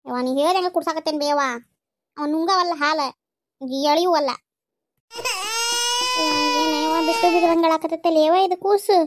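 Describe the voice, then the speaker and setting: A woman's voice: very high-pitched, steady tone, moderate pace, long pauses, very noisy. A woman voicing an anxious young mother with a North Karnataka accent. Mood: worried. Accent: North Karnataka Kannada. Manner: pleading, worried. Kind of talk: cartoon voice acting.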